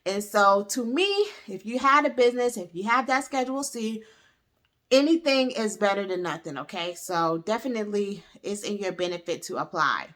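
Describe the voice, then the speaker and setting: In a mid-range, sharp-toned voice, a tax professional hosting an explainer video addresses viewers directly and casually. Frank and persuasive, she urges them to act, checking in again and again with "okay?"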